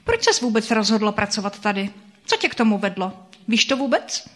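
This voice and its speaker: A woman voicing a strict, sharp-tongued older female teacher who questions insistently, in a spoken story. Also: mid-range voice, very animated. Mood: probing. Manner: insistent, interrogating.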